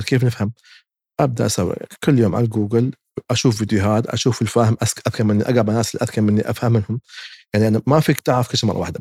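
Brief: male guest, rapid and emphatic, slightly husky, dry close sound. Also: mid-range voice, a little mellow, no echo. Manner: emphatic, acts out other people's words. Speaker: guest investor. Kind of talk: casual interview advice.

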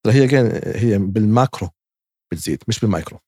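A man speaks at a breakneck pace, giving emphatic advice as an interview guest. His voice has a husky edge, and the recording is dry and close. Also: fairly low pitch, expressive, fast talker, dark tone, no echo. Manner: emphatic, acts out other people's words. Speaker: guest investor.

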